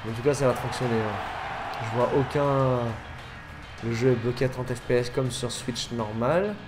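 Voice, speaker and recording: A man's voice: medium pitch, moderate pace, music in the background. A man chatting casually over gameplay, rambling and often correcting himself mid-sentence. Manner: rambling, self-correcting, fillers. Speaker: gaming youtuber.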